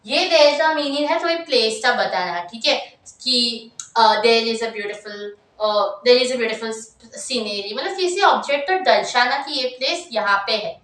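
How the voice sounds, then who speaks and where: A young woman teaching an exam-focused English grammar lesson in a lively, chatty way, full of asides and repeated checks. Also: on the high side, unhurried. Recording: roomy, mic set at a distance.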